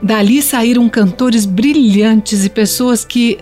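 A woman's voice: a little high, slow pace, mellow, soft background music. A Brazilian actress playing a proud, reflective mother fondly telling family history in a radio drama. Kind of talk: radio soap opera acting.

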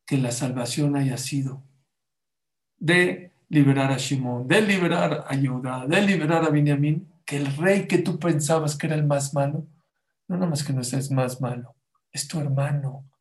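A man who gives a religious lesson and tells stories with animated, emphatic repetition. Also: mid-range voice. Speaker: religious teacher. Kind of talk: Torah lesson storytelling.

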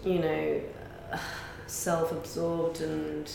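A woman who works in animation, talking in a measured, thoughtful way in a casual chat. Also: low voice, monotone, creaky. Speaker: animation industry guest. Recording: roomy echo, faint noise.

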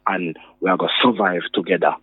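A man with a Jamaican accent speaks in an earnest, preaching Rastafarian manner, repeating phrases for emphasis. His voice is on the low side and a little rough, coming through a thin, phone-like line. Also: fast talker, no room sound. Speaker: musician, interview guest. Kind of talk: conversational radio interview in Jamaican Rastafarian speech. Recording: narrow phone-like line, dry.

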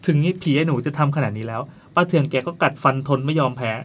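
Fast-talking male storyteller. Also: a little high, fairly bright tone. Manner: chatty, with playful asides to a co-host. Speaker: storyteller host. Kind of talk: casual ghost story narration.

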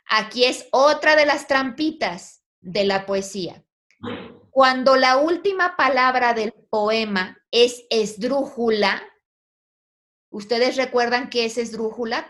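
A woman's voice: on the high side, unhurried, fairly bright tone. A woman teaching a poetry lesson, asking her students questions and guiding them patiently. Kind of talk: online poetry class.

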